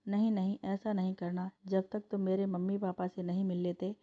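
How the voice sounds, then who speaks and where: A woman voicing a lively young woman who chats and protests with her boyfriend. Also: medium pitch, lightly acted. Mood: chatty. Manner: chatty, quick to protest. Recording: dull lo-fi recording.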